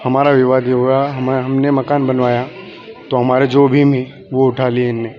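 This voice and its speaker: A man recounting being attacked, telling a reporter in halting, repetitive speech with many restarts. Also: medium pitch, little pitch movement, highs cut off. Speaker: victim giving a statement. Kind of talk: on-the-spot account to a reporter.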